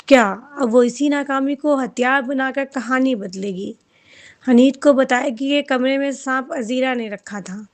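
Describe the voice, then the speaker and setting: A woman's voice: high voice, close to an everyday voice. A woman voicing a spoiled, scheming young woman who talks stubbornly and spitefully, in a storybook reading.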